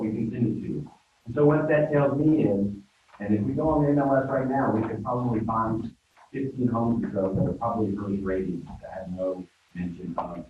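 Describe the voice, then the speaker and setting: A man's voice: fairly low pitch, a little hiss or hum. A man speaking up earnestly at a business meeting, making a case to his colleagues. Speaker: meeting participant. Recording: phone-like, echoey room from far off.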